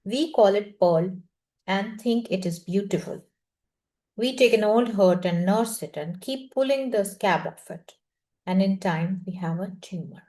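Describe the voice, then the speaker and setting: Soft-spoken woman. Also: medium pitch. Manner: slow, soft and measured, with quiet half-whispered phrases. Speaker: book reading session leader. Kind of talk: reading a self-help book aloud and guiding an affirmation.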